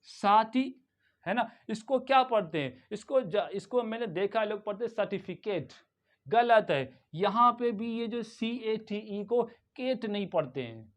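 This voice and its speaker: Man, Lucknow Hindi accent, English pronunciation teacher, repeats words slowly, asks and answers his own questions. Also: high-pitched, animated. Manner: drills words by repeating them slowly with emphasis; asks the class questions and answers them himself. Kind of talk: classroom-style pronunciation lesson.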